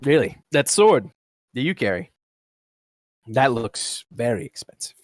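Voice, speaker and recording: A man's voice: mid-range voice, big pitch swings, unhurried, no echo. A man playing a dry, probing ship captain. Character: worldly male ship captain, curious and dry. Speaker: game master. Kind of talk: tabletop role-play.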